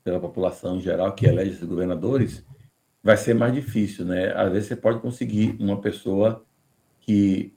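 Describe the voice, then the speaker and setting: A man with a Brazilian Portuguese accent answering immigration questions on a live podcast, measured and deliberate, often restarting words. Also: lowish voice, steady tone, warm tone.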